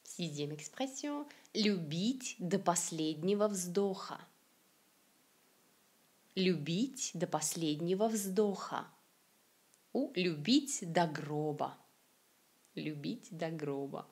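A woman with a Russian accent teaches in an unhurried, deliberate way, saying every example twice. Her voice sits a little low and sounds soft and breathy, yet her intonation rises and falls with lively swings. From Siberia, Russia. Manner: repeats each phrase slowly and clearly. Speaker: language teacher. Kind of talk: slow, careful language lesson with repeated example phrases.

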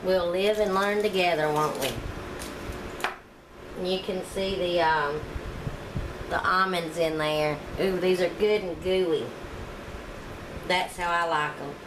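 A home cooking vlogger with a voice on the low side keeps a steady tone, taking things slowly with long pauses. She bakes in her kitchen and chats with viewers in a casual, homey way. The kitchen sounds echoey, with noise in the background.

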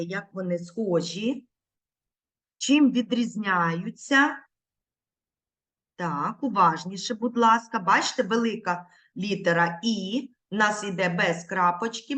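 A woman's voice: mid-range voice, unhurried, pushed and bright. A woman teaching young children in an online lesson over a video call, patient and coaxing.

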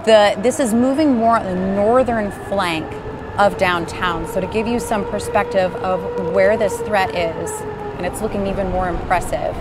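A woman's voice: medium pitch, steady tone, moderate pace. A woman TV meteorologist giving urgent, explanatory live severe-weather commentary, talking over warning sirens. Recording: clear background noise, distant sirens. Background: tornado sirens and noise.

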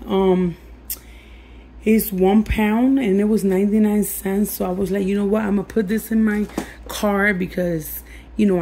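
This woman's warm, medium-pitched voice has turned hoarse and husky, rasping and breaking as it fades. As a budget cooking vlogger in her home kitchen, she casually encourages viewers, speaking to them like old friends over the demonstration.

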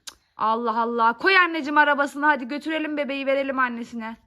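A mother speaks in a high, bright voice, coaxing and playfully scolding her small children. Her talk is casual and homey, the kind used in a family vlog. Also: racing. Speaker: mother filming her kids.

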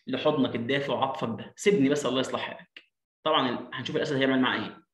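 A man with an Egyptian Arabic accent teaching an English reading lesson, sounding words out slowly letter by letter, with quick explanations in Arabic. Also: medium pitch, fairly bright tone, echoey room, low-quality recording.

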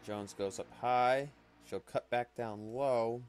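Male play-by-play caller for an online sim race; even, mid-range voice, faint hiss under it. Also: mid-range voice, takes it slowly. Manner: calm, analytical play-by-play that rises sharply at wrecks. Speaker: race commentator. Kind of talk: solo sim racing commentary.

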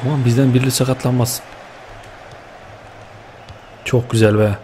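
Excitable young man shouting at a football game. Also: mid-range voice, measured pace, a crowd in the background, noisy background. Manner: excitable, shouts at players, frequent slang. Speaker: gaming YouTuber.

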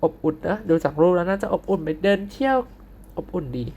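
A young man leads a recorded English lesson for primary school pupils. He speaks in a patient, unhurried way, repeating each vocabulary word and its meaning so the children can follow. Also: high-pitched, lively intonation, a little mellow. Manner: spells words letter by letter.

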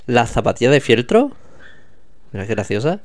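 Speaking at medium pitch and a moderate pace, a very animated man ambles down a grocery aisle showing products to his audience. His narration is a chatty, casual store walkthrough.

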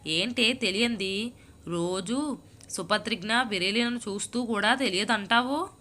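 Self-pitying young wife, sighing scoffs, bright edgy tone, read by a woman storyteller. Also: mid-range voice, measured pace. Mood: complaining. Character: young married woman, melodramatic, hooked on TV serials. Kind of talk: storybook reading.

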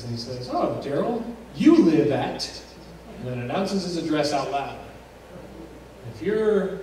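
Man, pastor, sermon storytelling, dramatic pauses, distant mic, faint room hiss. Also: medium pitch. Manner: dramatic narrator, builds tension with pauses and swells. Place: church sanctuary. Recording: very echoey church recorded from a distance.

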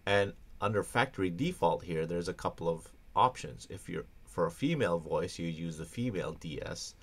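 In a screencast tutorial, an audio production instructor teaches audio editing casually, with many ums and restarts. His voice sits low, is slightly rough and expressive, and moves at a moderate pace.

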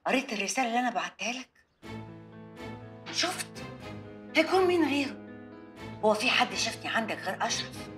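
A woman's voice: on the high side, sing-song, fast talker, long pauses. An actress with an Egyptian accent playing an upset woman accusing someone over a message. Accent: Egyptian Arabic. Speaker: actress in a TV drama series. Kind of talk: TV drama acting. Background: loud music score.

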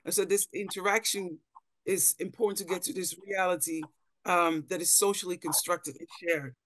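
A middle-aged Dutch anthropologist on a panel delivers a thoughtful lecture with slides over a video call from an indoor room, repeating words often as she searches for phrasing. Her lowish voice is fairly bright, with a steady tone and moderate pace. A little hiss or hum is audible.

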